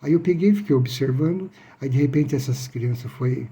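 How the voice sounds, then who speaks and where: Very dark-voiced man recounting memories. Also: mid-range voice. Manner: halting, repeats phrases, restarts sentences. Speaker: near-death experience witness. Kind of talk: personal testimony storytelling.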